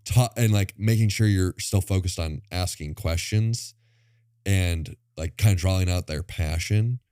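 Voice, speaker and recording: A man co-hosting a podcast in casual chat, rambling with plenty of filler words and toying with fast and slow delivery. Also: sits low, mellow, smooth, no room sound, clean studio sound. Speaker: podcast co-host.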